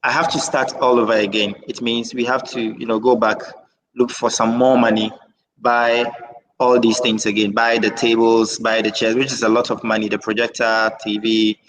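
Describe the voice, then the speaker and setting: A man's voice: mid-range voice, level tone, normal speed, a bit bright. A man answering an interview, hesitant and pained, with many "uh"s. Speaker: guest, nonprofit founder. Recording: reverberant room with faint noise.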